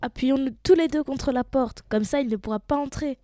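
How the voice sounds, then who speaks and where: A woman's voice: sits high, a little fast, warm tone, dry recording, close to an everyday voice. A sensible little pig from a fairy tale insists on doing things properly, as a woman reads him. His voice is a touch raised and firm. He sounds stubborn and earnest.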